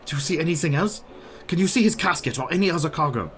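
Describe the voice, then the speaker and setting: An actor playing an old, determined professor and vampire hunter in a radio play, formal and deliberate. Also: male voice, a little high, expressive, a bit bright, a little hiss or hum. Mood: insistent.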